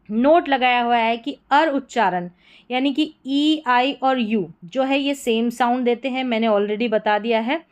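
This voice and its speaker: A woman from India, patiently explaining spelling and pronunciation rules as a teacher and repeating each point in several words. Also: on the high side. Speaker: English teacher.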